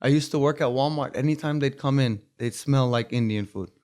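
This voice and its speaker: A young man with a medium-pitched voice shares stories on a casual podcast. He keeps slipping into brief impressions of the people he quotes. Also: darkish tone. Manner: storytelling, mimics people in quick impressions. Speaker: podcast co-host. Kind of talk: casual comedic chat.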